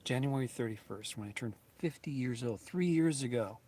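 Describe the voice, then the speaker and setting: A man's voice: medium pitch, normal speed, dark tone. A man in his fifties talking casually to his viewers, earnest and grateful, rambling with many restarts and fillers. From United States. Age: 50s. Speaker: YouTube channel host. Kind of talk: casual vlog talk to viewers.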